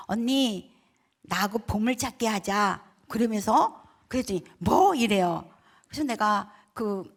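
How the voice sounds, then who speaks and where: A woman's voice: mid-range voice, vocal fry, husky. A woman in her sixties, a pastor's wife, giving a church testimony in a conversational storytelling way, asking the audience questions and acting out the voices of people in her story. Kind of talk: testimony at a prayer meeting.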